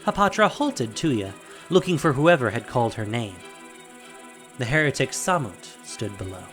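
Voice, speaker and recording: A man narrates a scripted fantasy story with dramatic flair, his medium-pitched voice rising and falling with lively intonation at a moderate pace. Soft music plays faintly underneath.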